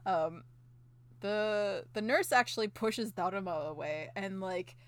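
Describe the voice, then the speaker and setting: A woman's voice: medium pitch, slow. A woman in casual chat, recapping an anime episode with a co-host, laughing often and acting out the characters' lines with sarcastic quips.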